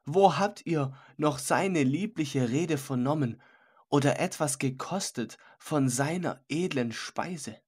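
A man's voice: on the high side, slow pace, darkish tone, husky. Man reading as a stern old man. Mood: reproachful. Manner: solemn, reproachful. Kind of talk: audiobook character voice.

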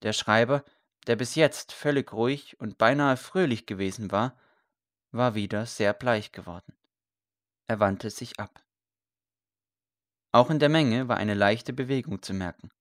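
A male audiobook narrator reading a story in a measured, steady manner. His voice sits at a middle pitch. The recording is dry and close. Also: no echo.

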